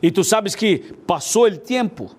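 A man preaches a sermon that retells a Bible passage, repeating key phrases and pausing to ask his listeners whether they follow. His voice is fairly high for a man, and he speaks slowly and deliberately. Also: lively intonation, darkish tone. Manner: repetitive, asks listeners "ok?" and "viste?".

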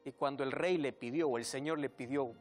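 A man's voice: medium pitch, brisk, a little mellow, soft background music. An earnest male preacher giving a devotional sermon, telling stories and speaking directly to the listener.

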